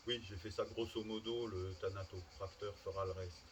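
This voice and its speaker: A man reading as a hurried, offhand doctor. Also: low-pitched, fairly even intonation, a little hiss or hum, pitched below the performer's own voice, lightly acted. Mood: matter-of-fact. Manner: brisk and offhand. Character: hurried, matter-of-fact male doctor.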